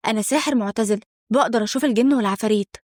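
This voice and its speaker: A woman voicing a cold older male taxi driver who is a retired sorcerer, speaking flatly in an Egyptian accent. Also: fairly high pitch, rapid-fire, no echo, studio quality, close to an everyday voice. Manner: cold, flat delivery.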